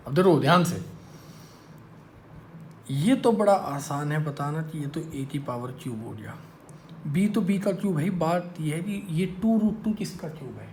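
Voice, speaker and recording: A man's voice: fairly high pitch, a little mellow, slight background noise. A male maths teacher lecturing a class, teasing and quizzing his students as he goes.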